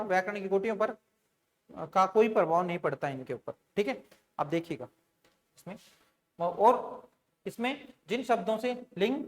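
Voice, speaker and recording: Man teaching a grammar class. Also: high voice. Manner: explains step by step, often asks the class questions; sprinkles fillers like "theek hai" and "bhai". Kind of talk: online grammar lesson.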